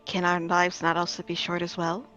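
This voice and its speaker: Lady doing a gentle earnest fae woman, measured n philosophical, lowish steady voice, slightly dull audio. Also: faint music behind, close to an everyday voice. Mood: earnest, reflective.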